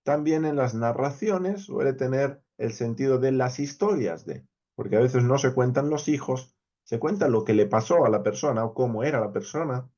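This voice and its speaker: A man's voice: mid-range voice, animated, moderate pace, darkish tone, dull audio. A man with a Spain Spanish accent, teaching a verse-by-verse Hebrew Bible lesson. He explains step by step, counts letters aloud and checks in often with his listeners.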